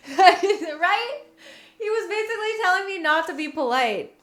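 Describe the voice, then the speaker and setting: A woman livestreamer chatting casually with viewers in a playful, cutesy, giggly and animated way. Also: very high-pitched, takes it slowly. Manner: animated, expressive delivery. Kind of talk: casual live chat. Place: room at home.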